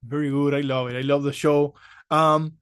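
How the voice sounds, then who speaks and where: A man hosts a podcast interview, his voice a little higher than usual for a man. The sound is dry and close, with no room around it, as he offers short replies and direct questions. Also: level tone, moderate pace, a bit bright, clean tone, no room sound. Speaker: podcast host.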